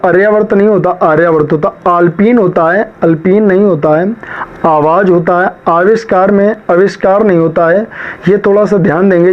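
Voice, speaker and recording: A man teaching a spelling lesson, drilling words one after another, right and wrong, with much repetition. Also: high voice. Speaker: shorthand teacher. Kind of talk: spoken lesson. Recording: dull lo-fi sound.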